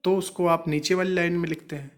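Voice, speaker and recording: A man's voice: fairly high pitch, little pitch movement, fast talker. Guy teaching english grammar in speech, patient and repetitive, asks the class questions. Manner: patient, repeats each rule, asks rhetorical questions. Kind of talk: explaining grammar lesson.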